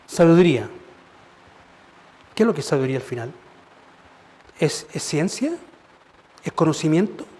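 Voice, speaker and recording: A man's voice: on the high side, animated, normal speed, long pauses, darkish tone. A man preaching as pastor, conversational and asking rhetorical questions. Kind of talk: sermon. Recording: church service.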